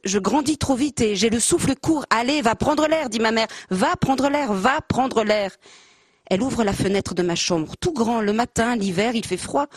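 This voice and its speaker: A woman whose talk stumbles and restarts as she gropes for her words, and who then reads a poem with rhythm. Her pitch sits mid-range, and the sound is dry and close, with no room echo. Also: slightly rough. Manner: hesitant, searching for words, self-deprecating. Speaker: panel guest. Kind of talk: halting casual talk, then a poetry reading. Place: panel event with a handheld mic.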